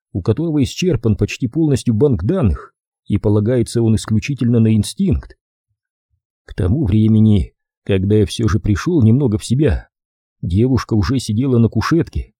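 A man narrates a first-person detective story with wry, dry humor. His voice is dark and husky, with a lively, shifting pitch, recorded close and dry. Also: no echo. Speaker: audiobook narrator.

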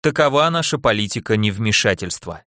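Guy playing a cool calm alien ambassador, measured, matter-of-fact, audiobook, dry sound. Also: on the low side, no echo, voice pushed down.

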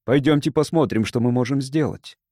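A man voicing a shaken male leader who speaks hoarsely and desperately, in an audiobook story. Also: medium pitch, a little fast, warm tone, dry recording, clean studio sound, natural voice.

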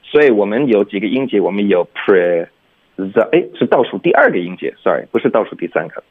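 A low-voiced man with a husky edge explains pronunciation rules patiently, one step at a time, checking in often with "OK?". He comes through a thin, tinny phone line. He sounds like a teacher calling into a radio lesson. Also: very animated, quick pace.

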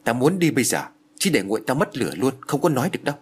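A brash, quick-thinking aunt talks fast and blunt, her voice swinging up and down, as a man puts her on. The sound is slightly husky. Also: mid-range voice, very animated. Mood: impatient. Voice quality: blunt, impatient. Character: quick-witted, hot-tempered middle-aged aunt.

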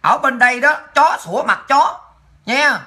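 A woman's voice: high voice, animated, a little slow, bright, forceful tone. A woman hosting a political livestream, ranting angrily and taunting her critics with profanity. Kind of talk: angry ranting monologue.

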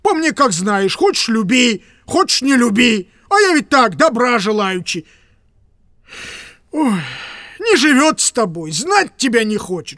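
A woman's voice: on the high side, fairly bright tone, dry recording, studio quality. A woman voicing a fussy, grumbling old male clerk who rambles and stammers in an audiobook reading.

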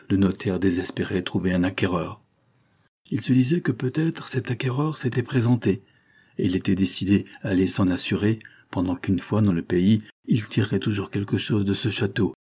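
A man narrates a classic novel in a measured, even storytelling manner. His voice sits low, with a dark, mellow, husky tone. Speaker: audiobook reader.

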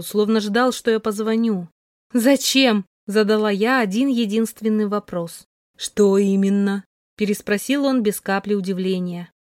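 A young woman narrates a first-person story in an even, thoughtful manner. Her voice sits fairly high. The recording is close and dry, with no room sound. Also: dry recording. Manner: introspective, even.

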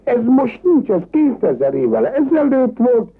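A man voicing a schoolteacher who coaxes a crying boy in a gentle, raised voice, heard on a tinny old cassette dub. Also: extremely high pitch, wildly swooping pitch, husky, pitched above the performer's own voice, heavily acted. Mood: soothing.

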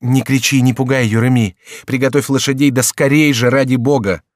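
A man voicing a desperate young male count who shouts warnings and pleads frantically in an audiobook reading. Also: medium pitch, fairly even intonation, fairly quick, no echo, clean studio sound, pitched above the performer's own voice, close to an everyday voice. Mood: urgent.

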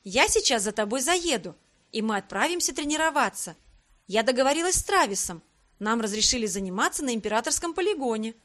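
A woman's voice: on the high side, big pitch swings, fairly bright tone. Woman reading a bossy, cheerful young heroine. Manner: brisk, commanding, playful. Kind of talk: audiobook character reading.

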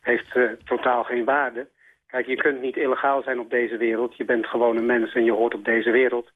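A man's voice: medium pitch, flat delivery, moderate pace. A male radio caller arguing his opinion over the phone, hesitant and full of fillers and restarts. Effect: phone line. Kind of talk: call-in opinion debate. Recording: tinny phone line.

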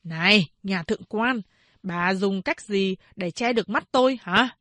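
A woman voicing a blunt male official who gives loud, commanding orders. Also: medium pitch, measured pace, dry recording, lightly acted. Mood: gruff insistence.

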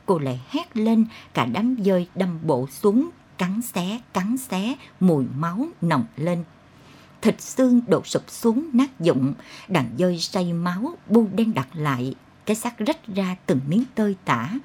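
A woman narrating a dark literary story in an intense, expressive way. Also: lowish voice, unhurried, husky. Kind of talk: dramatic audiobook narration.

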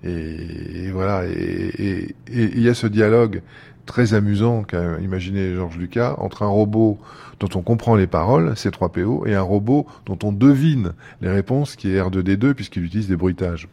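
A man with a very low voice explains in an interview. He hesitates and stumbles over his words. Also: moderate pace, vocal fry, dark tone. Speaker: film and sound expert.

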